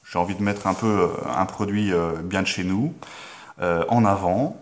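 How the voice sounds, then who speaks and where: Deadpan Belgian man, low voice. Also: normal speed. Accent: Belgian French. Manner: hesitant, full of filler sounds, with sudden mock-outraged yelps. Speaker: comedy vlogger. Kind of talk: deadpan comic monologue to camera.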